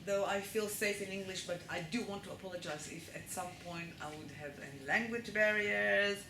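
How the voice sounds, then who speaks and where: This woman has an Israeli accent and a medium-pitched voice at a moderate pace. She lectures before a live crowd, pausing now and then to check in with listeners, while her words bounce around an echoey space above steady noise.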